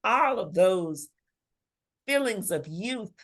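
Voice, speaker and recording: A woman author, appearing as an interview guest, tells stories expressively and acts out imagined snatches of dialogue in a conversational, animated way. Her mid-range voice has lively intonation, and she takes her time.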